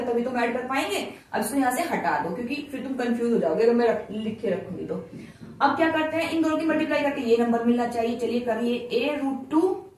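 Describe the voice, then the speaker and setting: Teaching maths, a high-voiced woman explains every step and asks her pupils questions along the way. The sound is heavily echoey, and she is off-mic at a distance.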